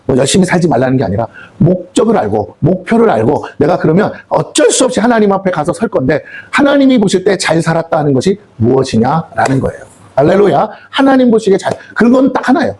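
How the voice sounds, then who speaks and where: A man's voice: sits high, darkish tone, slightly rough. A man pastor preaching a fervent sermon in a church, often tossing questions back to the congregation.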